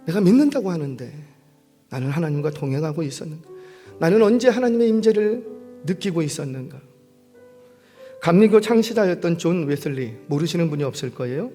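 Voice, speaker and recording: A middle-aged male pastor preaching a sermon, telling a story and acting out its characters with shifting voice and loudness. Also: on the high side, lively intonation, brisk, soft background music. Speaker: senior pastor.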